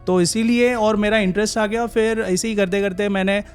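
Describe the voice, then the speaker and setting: A young man with a notably high-pitched voice, telling a personal story as a podcast guest. He speaks casually and haltingly, pausing and restarting often. Soft music plays quietly underneath. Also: steady tone, clean tone. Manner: halting, drawn-out pauses and restarts.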